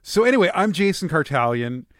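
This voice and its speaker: A man's voice: a little high, sing-song, fairly quick, dry recording, clean studio sound. A man hosting a casual podcast, talking in a wry, easygoing way with some hesitation. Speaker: podcast host.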